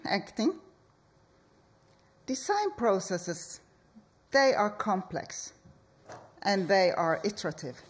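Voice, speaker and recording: In a conference hall, a woman from Norway, an architect, presents at a conference. Her medium-pitched delivery is slow, measured, and deliberate, with pauses separating her phrases.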